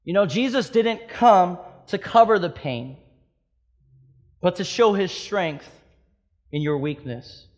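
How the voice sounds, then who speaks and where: This Hawaiian pastor, in his thirties, delivers an impassioned sermon that alternates loud emphatic moments with quiet, hushed passages. He speaks slowly in a high voice and pauses often.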